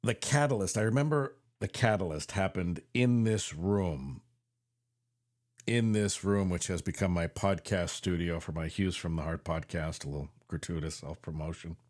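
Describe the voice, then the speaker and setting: A man recording in his home podcast studio, speaking earnestly and confessionally, slowing down on the phrases that matter to him. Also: sits low, a little mellow. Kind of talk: reflective personal monologue. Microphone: studio mic with headphones.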